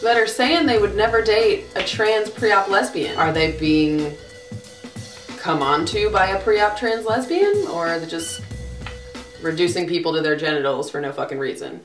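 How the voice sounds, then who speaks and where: A woman's voice: on the low side, normal speed, reverberant, recorded from a distance, soft background music. A woman hosting a casual question-and-answer vlog, blunt and sarcastic, swearing freely. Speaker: vlogger.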